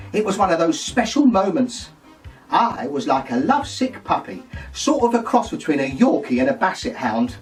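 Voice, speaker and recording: A man playing a gossipy, saucy pantomime dame in a camp, shrill, mock-scandalised voice, delivering a comic monologue. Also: distant mic, low-quality recording. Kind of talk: comic monologue full of puns.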